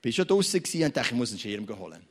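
A young man with a Swiss German accent preaching a sermon in church, telling stories with big swings between loud and quiet. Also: rapid-fire, husky. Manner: animated, storytelling, wide swings in pitch and loudness.

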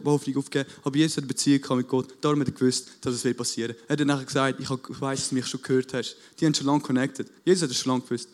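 A male preacher at a church stage mic, speaking at a middling pitch. He preaches with fervor, slips English buzzwords into casual talk, and surges into loud, quick appeals to the crowd. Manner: fervent, rising to loud appeals with quick bursts. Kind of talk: sermon.

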